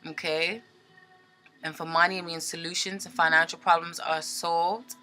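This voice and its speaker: A chatty woman gives a tarot reading in a bright, forceful voice that sits a little low. She keeps checking in with her listeners. Faint music plays behind her. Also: normal speed. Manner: chatty, animated, with filler words and frequent "okay?" check-ins. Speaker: tarot reader.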